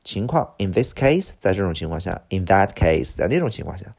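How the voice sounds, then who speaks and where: A middle-aged man teaching English vocabulary, stumbling over filler words and slowly repeating each word he teaches. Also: deep voice, big pitch swings, creaky, darkish tone, slightly rough. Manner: lots of "这个" filler, drawn-out slow repeats of words. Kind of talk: vocabulary lesson.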